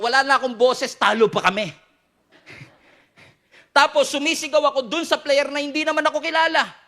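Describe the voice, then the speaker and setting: A man's voice: very high-pitched, bright, forceful tone. A man with a Filipino accent preaching a sermon as pastor, hammering repeated refrains, firing questions at the congregation and joking with them. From Philippines. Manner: playful, jokes with the crowd.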